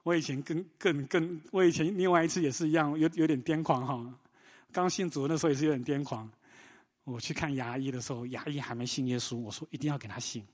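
A man pastor preaching a sermon in animated storytelling, often asking the congregation questions. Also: on the high side, brisk. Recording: long reverb of a large hall.

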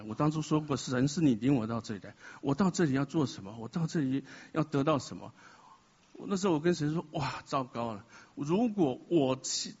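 This man's voice is husky and mid-range with a darkish tone as he shares a heartfelt confession before a church group, poking fun at himself along the way. The recording comes across dull, with a hall's reverb.

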